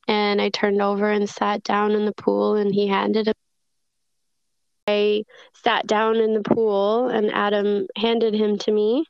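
Slow, smooth-voiced woman, reflective. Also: mid-range voice, no echo, lo-fi sound. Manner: reflective, hesitant, many fillers and restarts. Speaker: guest. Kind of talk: podcast interview, recounting a personal story.

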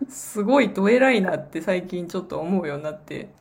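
A woman co-hosting a casual chat podcast, playful and quick to laugh along. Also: on the low side, lively intonation, creaky, noisy background. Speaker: podcast co-host.

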